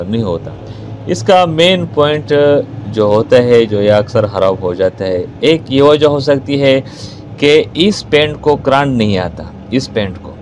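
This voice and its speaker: A man's voice: mid-range voice, darkish tone, a little hiss or hum. A man with a Pakistani Urdu accent giving a hands-on repair tutorial, explaining each step and repeating key words as he works. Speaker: repair technician.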